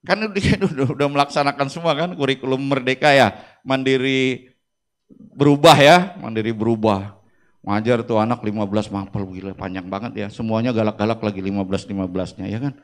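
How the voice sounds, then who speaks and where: A middle-aged man, a school principal giving a lively, joking workshop talk to teachers in an auditorium. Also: mid-range voice, a little fast. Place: auditorium with audience.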